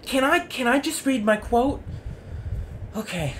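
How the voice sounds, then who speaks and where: A man's voice: extremely high pitch, expressive, measured pace. A man in his twenties hosting a sports vlog, arguing with himself in an earnest, explanatory, conversational way. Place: small home room with jerseys on the wall. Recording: noticeable room noise.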